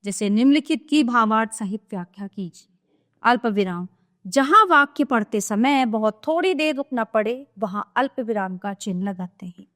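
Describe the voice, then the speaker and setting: Woman, teacher, grammar lesson for kids, slightly high voice, measured and clear. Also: expressive, a bit bright. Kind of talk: scripted grammar lesson for children.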